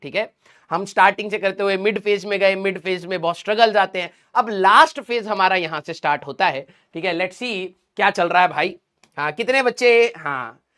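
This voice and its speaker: A male online teacher with a sore throat, talking casually and affectionately with his students and speaking a little softly. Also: high voice. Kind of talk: casual lecture to students, Hindi mixed with English.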